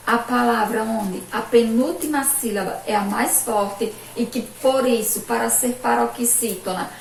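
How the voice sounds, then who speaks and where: A woman's voice: on the high side, gravelly, far from the mic, a little hiss or hum. A Brazilian Portuguese teacher woman giving a remote lesson to children, cheerful, drawing out syllables and asking pupils sing-song questions. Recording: echoey room, voice from off-mic.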